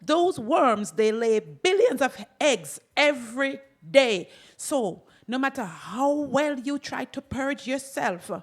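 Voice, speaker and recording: A woman's voice: high voice, big pitch swings, slow, few pauses. Woman doctor, radio health talk, emphatic, repeats words, laughs often. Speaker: holistic clinic doctor on radio. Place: radio studio.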